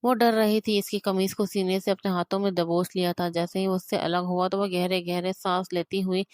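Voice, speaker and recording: A woman reading a romance novel aloud in steady, emotive scripted narration. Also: fairly low pitch, dry recording, studio quality.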